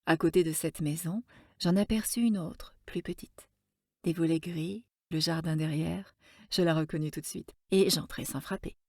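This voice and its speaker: A woman storyteller reading a classic tale aloud with gentle, expressive narration. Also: low voice, moderate pace, no echo, studio quality.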